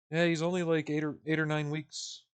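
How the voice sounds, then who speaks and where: A man live streaming from home while building a model kit, chatting casually with viewers in a rambling, relaxed way with fillers and chuckles. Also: a little high, clean tone.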